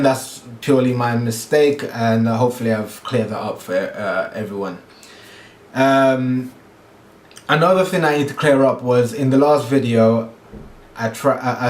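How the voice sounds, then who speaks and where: Hesitant man vlogging in an echoey room. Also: mid-range voice. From Guyana. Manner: hesitant, many fillers and restarts. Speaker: fitness vlogger. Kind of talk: casual talk to camera.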